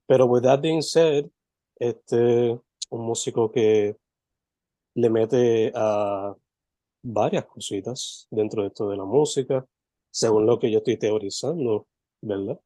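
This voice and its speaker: Guy hosting a podcast, mellow dark voice, super chill, dry close mic. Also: mid-range voice, unhurried, no room sound. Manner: relaxed, loose, code-switching between languages. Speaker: podcast host. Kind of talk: casual interview, mixing Spanish and English.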